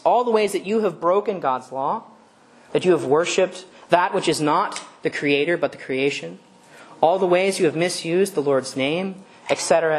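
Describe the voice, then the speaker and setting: Woman preacher, lowish voice, conversational sermon full of rhetorical questions. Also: a little mellow. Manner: conversational, asks rhetorical questions, self-correcting.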